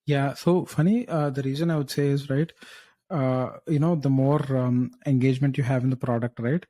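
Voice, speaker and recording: A man speaking as a job interview candidate, thinking aloud through structured answers with hesitant pauses and frequent checking tags. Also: mid-range voice, fairly even intonation, warm tone, no room sound.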